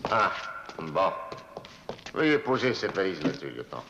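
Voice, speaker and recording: Gravelly, commanding army general. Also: male voice, low voice, sing-song, normal speed, muffled recording, background noise. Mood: stern, controlled. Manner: commanding, military, drill-sergeant orders. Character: authoritative army general barking orders to his officers. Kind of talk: French-dubbed western film acting.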